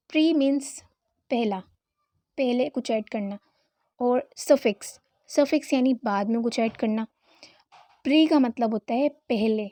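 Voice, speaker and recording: A young woman teaching an online English grammar lesson, explaining slowly and mixing in English terms. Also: fairly high pitch, dark tone, no room sound, studio quality.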